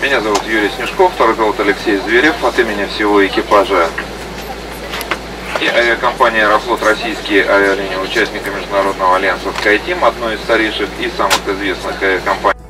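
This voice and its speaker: A male airline captain making a formal in-flight announcement over the cabin loudspeaker. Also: on the low side, fairly even intonation. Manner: formal, rapid announcement delivery. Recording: distant cabin PA over loud engine noise.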